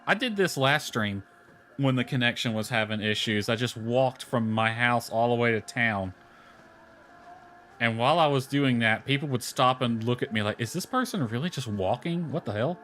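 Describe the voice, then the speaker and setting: A man gives casual, rambling commentary on a game livestream, grumbling mildly along the way. His mid-range voice has lively intonation, a moderate pace and a fairly bright tone, with music and slight noise in the background.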